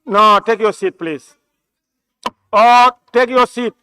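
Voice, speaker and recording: Male presiding officer, high and crisp, shouting order and issuing stern, repeated commands in formal debate. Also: slow, no room sound, studio quality. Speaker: parliament speaker presiding over session. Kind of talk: formal chairing of heated parliamentary debate. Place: parliament chamber.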